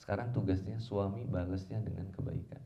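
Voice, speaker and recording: A man's voice: sits low, steady tone, brisk, gravelly, dark tone, highs cut off. A man preaching an informal Islamic study talk in a chatty, slangy way, telling personal anecdotes and acting out quoted dialogue. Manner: tells personal anecdotes to the audience.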